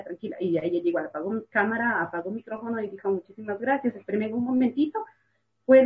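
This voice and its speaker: A woman's voice: medium pitch, husky. Young mother on a tinny line. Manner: repeats words for emphasis, many fillers. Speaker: guest sharing her experience as a mother and student. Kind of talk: casual personal testimony.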